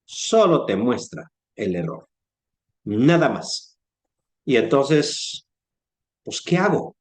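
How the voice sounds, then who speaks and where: Animated man preaching a Bible sermon. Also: mid-range voice, slow. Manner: animated storytelling with acted-out dialogue.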